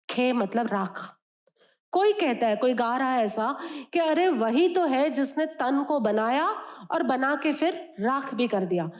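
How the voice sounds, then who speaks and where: Woman spiritual teacher, high voice, expressive, explaining scripture to students. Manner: expressive, mixes Hindi with English phrases. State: sore throat.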